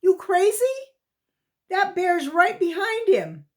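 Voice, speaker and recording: A woman's voice: very high voice, very animated, slow, pitched above the performer's own voice, heavily acted. A woman voicing a dazed, scared older boy in a storybook reading, doubtful and protesting.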